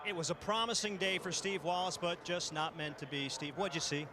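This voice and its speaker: A man's voice: on the high side, steady tone, a little fast. A man interviewing and reporting live trackside as a motorsport pit reporter. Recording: crowd and vehicle noise behind.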